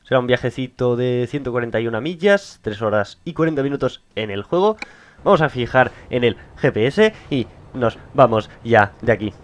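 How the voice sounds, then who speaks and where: A man's voice: mid-range voice, animated, normal speed. Rambling young Spanish gamer man. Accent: Spain Spanish. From Spain. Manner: rambling, chatty, self-mocking, laughs often. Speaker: gaming YouTuber. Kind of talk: casual let's-play commentary. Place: home bedroom studio. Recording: loud driving game engine noise behind.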